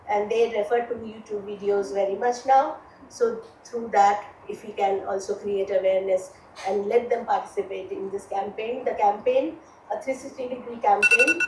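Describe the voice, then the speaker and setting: A woman's voice: mid-range voice, darkish tone. Hesitant woman presenting, far off. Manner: hesitant, many fillers. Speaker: course participant presenting. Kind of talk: group project presentation. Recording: echoey room, distant mic, faint noise.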